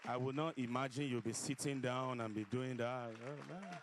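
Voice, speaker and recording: A man preaching a fiery church sermon as a pastor, loudly exhorting his congregation with call-and-response. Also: mid-range voice, normal speed, a crowd in the background, noisy background. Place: church service before a congregation.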